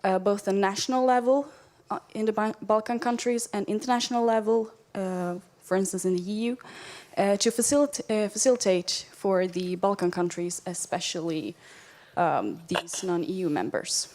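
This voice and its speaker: A woman's voice: mid-range voice, normal speed, darkish tone. Woman asking a panel question. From Bosnia. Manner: hesitant, with many filler sounds. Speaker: audience member asking a question.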